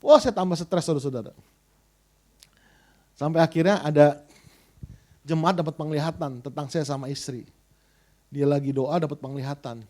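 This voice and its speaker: High-voiced animated male preacher. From Indonesia. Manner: animated storytelling, swings between loud and hushed. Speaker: pastor. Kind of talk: sermon.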